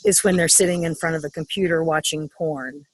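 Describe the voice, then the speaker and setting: A woman's voice: deep voice, fairly even intonation, brisk, dry recording, poor audio. A middle-aged woman speaking as a sex educator in an interview, frank and matter-of-fact, with frequent ums. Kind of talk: interview conversation.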